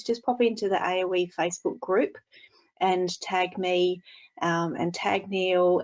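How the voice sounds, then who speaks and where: A woman giving a brisk, casual presentation, heard through screen-recorded video call audio from a computer mic. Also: medium pitch, darkish tone, muffled recording. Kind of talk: webinar presentation. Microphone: computer mic, no headphones.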